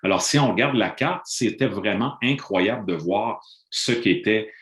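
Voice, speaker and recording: Presenting online to a panel from a Montreal room, a middle-aged university lecturer explains things in a measured way, frequently pausing on "euh." His voice is lowish and a bit bright, carried over roomy video call audio.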